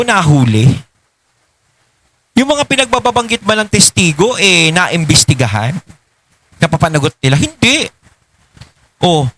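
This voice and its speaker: Sarcastic guy with bright highish voice asking why why why, slight hiss behind. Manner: sarcastic, chuckling, rhetorical questions. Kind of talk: political reaction talk.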